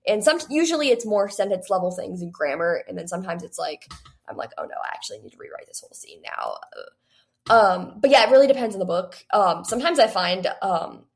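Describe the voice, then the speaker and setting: Speaking briskly in a sing-song, medium-pitched voice, an eighteen-year-old female guest author chats casually about writing in an interview. She tends to ramble, using "like" a lot and quoting her own inner remarks.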